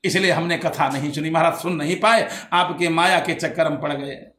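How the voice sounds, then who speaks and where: Man, devotional storyteller, animated, chants verses, high voice, echoey room. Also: fairly quick. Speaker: katha storyteller.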